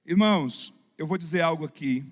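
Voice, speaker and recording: A Brazilian pastor delivers a fervent sermon and keeps calling for an "amém?" from the congregation. His voice sits high for a man. The long reverb of a church sanctuary trails after each phrase. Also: normal speed. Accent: Brazilian Portuguese. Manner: fervent preaching with "amém?" call-and-response.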